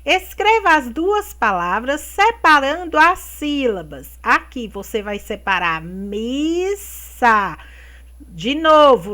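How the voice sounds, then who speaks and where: A woman teacher giving a remote lesson to young children, speaking slowly and clearly, stretching out words and checking in with tag questions. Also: on the high side, a bit bright. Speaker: primary school teacher.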